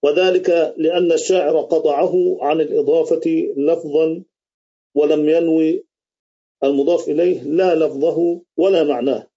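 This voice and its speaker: Guy teaching grammar over a video call, dark husky voice, kinda muffled, keeps quizzing the class. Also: a little high, steady tone, moderate pace. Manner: quizzes students, repeats and restates rules. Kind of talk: live online grammar lesson.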